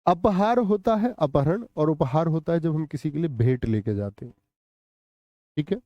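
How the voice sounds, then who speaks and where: A man's voice: fairly high pitch, expressive, moderate pace, no echo, muffled recording. A man teaching a live online Hindi exam-prep class, quizzing students with repeated questions and answering chat messages.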